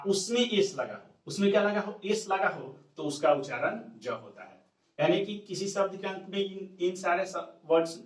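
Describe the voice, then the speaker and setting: A man teaching English pronunciation to students, drilling each rule by asking questions and answering them himself. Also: fairly high pitch. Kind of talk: classroom lesson, explaining rules to students. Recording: echoey room, voice from a distance.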